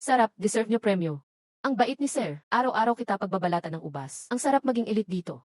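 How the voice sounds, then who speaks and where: A woman's voice: mid-range voice, lively intonation, quick pace, no room sound. A woman reading all the roles of a dubbed short drama in one voice.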